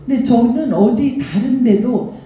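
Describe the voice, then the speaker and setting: An older woman pastor giving a revival sermon, telling stories with lively, acted-out quoted voices. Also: a little high, a little slow, very echoey, dull audio. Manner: animated storytelling, acts out quoted voices. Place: church sanctuary.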